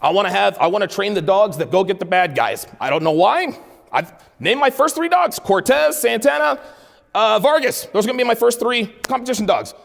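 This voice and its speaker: A man's voice: sits high, expressive, fairly quick, gravelly. A man in his forties giving a blunt, profane motivational keynote speech to a live conference audience, hammering points with repeated phrases. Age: 40s. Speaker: keynote speaker. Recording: speech in a large reverberant hall.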